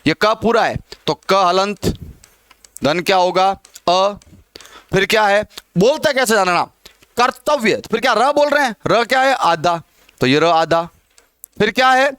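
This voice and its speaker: A man's voice: high voice, expressive, unhurried, fairly bright tone, clean tone, no room sound. A man teaching a Hindi grammar lesson who keeps asking questions and answering them himself, repeating the key words.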